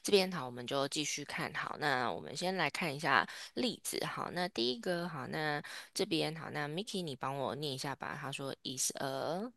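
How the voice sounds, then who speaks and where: A woman teaches English. Her voice sits low, and the sound is dry and close. She explains patiently and keeps opening phrases with "好". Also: animated, moderate pace, vocal fry, few pauses, a bit bright, dry recording. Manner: starts nearly every phrase with "好", patient explaining. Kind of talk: online English lesson.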